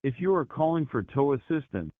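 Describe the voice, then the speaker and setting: A man's recorded phone menu message, read in a slow, measured announcer style over a phone line. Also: on the high side, big pitch swings, dry recording. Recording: tinny dry phone line.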